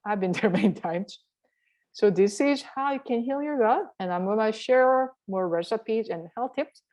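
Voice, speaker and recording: A woman's voice: a little high, normal speed, darkish tone, rough recording. A woman from Korea, giving a chatty, encouraging cooking tutorial and often asking "right?". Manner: chatty and encouraging, asks frequent rhetorical "right?". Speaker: health and cooking vlogger.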